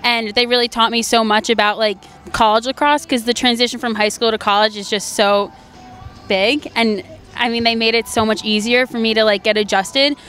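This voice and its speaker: A woman's voice: fairly high pitch, steady tone, normal speed, a bit bright, soft background music. A young woman college athlete giving a postgame interview outdoors at a stadium, speaking into a handheld mic in a bubbly way, full of "like". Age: young adult. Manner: bubbly, peppers talk with "like". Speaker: college player. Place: outdoor stadium by a sports field. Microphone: handheld interview mic held in front.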